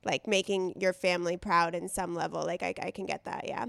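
A woman's voice: fairly low pitch, fairly even intonation, a little fast, gravelly, a bit bright, no room sound. A woman co-hosting a casual chat in an effusive, joking manner. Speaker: podcast co-host.

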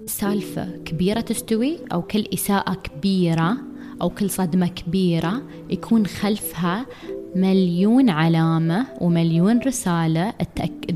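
A woman with a Gulf Arabic accent hosting a self-help monologue, speaking directly and mixing English phrases into her speech. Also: on the low side. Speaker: podcast host.

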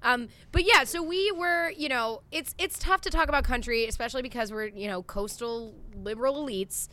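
A woman's voice: a little high, a little fast, sharp tone. A woman co-hosting a casual podcast from a backyard, chatting informally with some swearing. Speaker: podcast co-host. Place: outdoors in a backyard.

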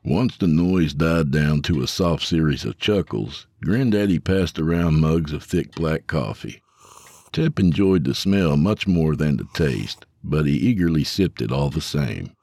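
Deep, husky male audiobook narrator. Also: a little slow, no room sound, studio quality. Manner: expressive storytelling, voices each character.

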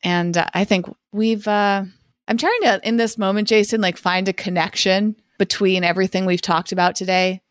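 A woman co-hosting a podcast in a casual, chatty style, musing aloud with animated asides. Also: medium pitch, moderate pace, no echo, clean studio sound. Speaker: podcast co-host. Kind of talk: casual chat.

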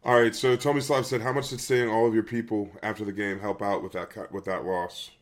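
Low-pitched podcast guy. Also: steady tone, a little fast. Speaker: podcast co-host reading fan questions. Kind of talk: casual podcast chat.

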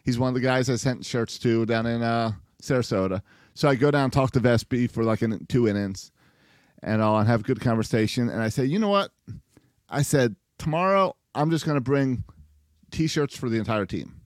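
A man's voice: mid-range voice, moderate pace, no echo. Dry-miked man chatting about sports. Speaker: sports podcast co-host. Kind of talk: casual baseball chat.

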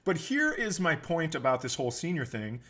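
Ranting profanely and in exasperation, a middle-aged American man tells stories in a casual comedy podcast chat. His voice is a little high, very animated, bright, and forceful, at normal speed.

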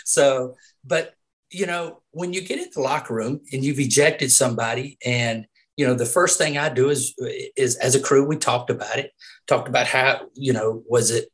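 A man's voice: mid-range voice, moderate pace, a bit bright. A middle-aged man with a Southern US accent, a retired umpire talking as a guest in a casual interview. He tells stories emphatically and laughs often.

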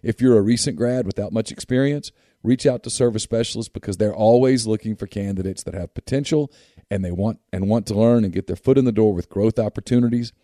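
Man, very dark relaxed tone, dry close sound, podcast host. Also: lowish voice, a little fast, no echo. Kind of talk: sponsor ad reads and casual sports talk.

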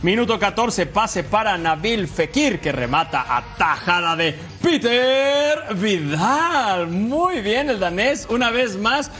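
A man hosting a sports show, narrating football highlights with emphatic phrasing and chatty asides. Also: very animated, slow pace, hardly any pauses, a bit bright. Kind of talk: football highlights narration over match clips. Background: background music.

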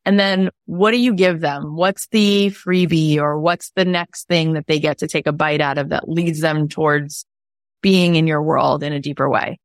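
A woman's voice: low-pitched, steady tone, moderate pace, no echo, studio quality. A woman hosting a conversational podcast interview, speaking in an affirming, explanatory way. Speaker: podcast host.

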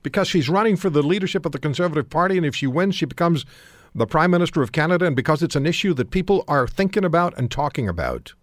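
A man's voice: on the high side, animated, fast talker, no echo, clean studio sound. A man hosting a call-in radio talk show, holding firm and repeating his point over the caller. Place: radio studio.

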